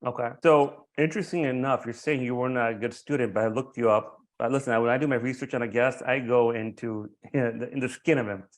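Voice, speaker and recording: A man hosts a podcast interview in a friendly, unpolished way. He stumbles and repeats words as he goes. His voice sits at a middle pitch. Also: steady tone, fairly quick, few pauses. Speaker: podcast host. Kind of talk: casual interview hosting.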